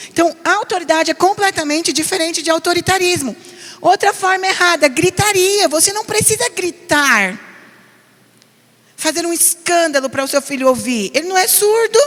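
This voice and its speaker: A middle-aged woman pastor with a São Paulo Brazilian accent, teaching a parenting class in an earnest, animated way. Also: extremely high pitch, normal speed. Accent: Brazilian Portuguese, São Paulo. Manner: earnest, animated, mimics nagging voices. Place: church hall. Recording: long reverb of a church hall.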